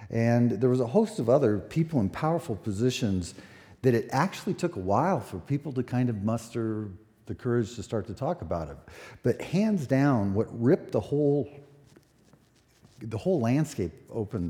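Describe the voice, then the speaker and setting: A man in his sixties, a pastor preaching a sermon at a pulpit microphone, relaxed and conversational with many fillers. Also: medium pitch. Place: church sanctuary. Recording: echoey church hall.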